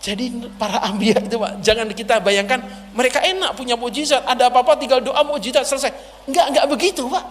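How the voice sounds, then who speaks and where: High-voiced preacher in a reverberant hall. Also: male voice, quick pace, fairly bright tone, slight background noise. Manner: dramatic, addresses the audience directly. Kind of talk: sermon storytelling. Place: prayer hall.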